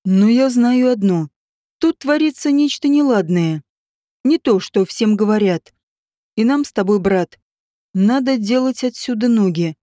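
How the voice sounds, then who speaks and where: A grim, tense young man speaks low and urgently, slipping into a hoarse whisper, as a woman reader puts him on. The voice sits clearly lower than her narration, mellow and close, with no room sound. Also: takes it slowly, dry recording.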